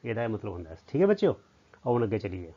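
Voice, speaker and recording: A man's voice: lowish voice, very animated, very fast, dark tone. A man with a Punjabi accent, a teacher explaining a lesson to children word by word and asking them questions, on a slightly dull lo-fi recording.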